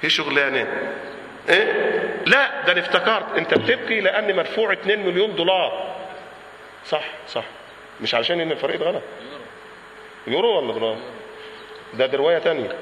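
A man with an Egyptian Arabic accent giving a colloquial sermon to a congregation, lively, asking the audience questions and acting out dialogues, and chanting Quran verses. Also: fairly high pitch, fast talker, pauses often. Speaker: preacher. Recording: echoey hall recording with faint noise.

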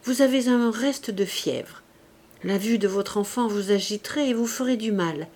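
A woman reading the lines of a calm, firm male doctor in her own measured voice. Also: medium pitch, close to an everyday voice.

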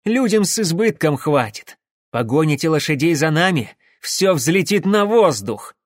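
A man voicing a desperate, wounded male engineer who shouts in hysterical fury. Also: a little high, very animated, measured pace, no echo, clean studio sound, voice pushed up. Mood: frantic. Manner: shouting, frantic.

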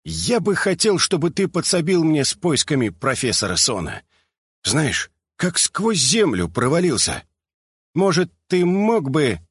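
A man's voice: on the high side, wildly swooping pitch, a little slow, husky, dry recording, pitched above the performer's own voice, heavily acted. A man voicing a cheerful, naive young male mutant, upbeat and friendly.

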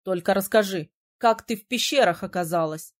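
A woman reading an audiobook, voicing a calm, teasing young male prince with a slightly lower, softer voice. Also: moderate pace, natural voice.

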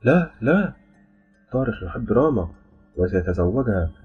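A man's voice: fairly low pitch, fast, breathy edge. A man voicing a beautiful, playful and proud young female jinn who speaks with a teasing, smiling delivery. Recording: dull lo-fi with faint music.

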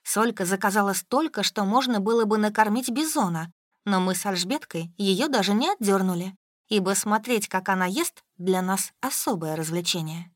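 A woman narrating a first-person audiobook in a wry, even storytelling manner, close to the mic. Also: mid-range voice, normal speed, dry recording.

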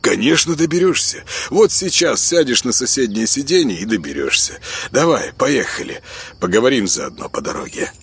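A man's voice: mid-range voice, sing-song, normal speed, fairly bright tone, slightly rough, voice pushed up, exaggerated voice. A man doing a brash, teasing young buddy. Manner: teasing, pushy, upbeat. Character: brash cheerful young man, pushy friend. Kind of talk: audiobook character voicing.

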